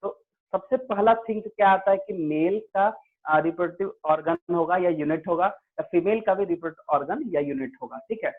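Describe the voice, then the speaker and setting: A man's voice: high-pitched, moderate pace. Man teaching over tinny online audio. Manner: explains in Hindi-English mix, quizzes students, repeats "ठीक है". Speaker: biology teacher. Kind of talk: online class lecture.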